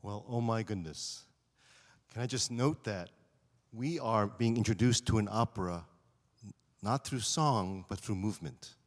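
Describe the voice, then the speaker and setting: A man, a foundation program director, makes reflective remarks to open an onstage panel, often pausing with um and uh. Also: lowish voice. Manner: reflective, with frequent um and uh. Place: theater stage. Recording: reverberant hall.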